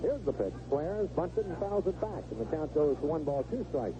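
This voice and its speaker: This is a man's slightly high, sing-song voice at normal speed, giving live play-by-play of a baseball game on 1970s radio. He describes the action in brief, clipped bursts, and the vintage AM recording is noisy and narrow-band.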